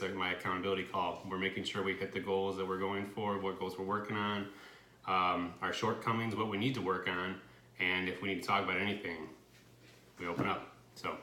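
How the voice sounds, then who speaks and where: A man's voice: deep voice, pushed and bright. A man chatting earnestly on a casual vlog, repeating his point. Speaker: guest, boyfriend. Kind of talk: casual chat. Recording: echoey room, faint noise.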